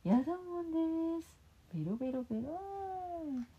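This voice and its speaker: A woman's voice: extremely high pitch, sing-song, normal speed, dark tone, voice pushed up, exaggerated voice. A woman reading aloud and voicing a mischievous little ghost that loves tantrums, in a playful, teasing way. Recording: muffled lo-fi with faint hiss.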